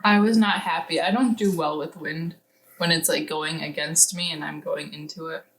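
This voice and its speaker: A woman with a distinctly low voice chats casually. She talks in a hesitant, conversational way, hedging as she goes. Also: steady tone, normal speed, a bit bright, slight background noise, rough recording. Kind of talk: casual chat. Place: inside a tent.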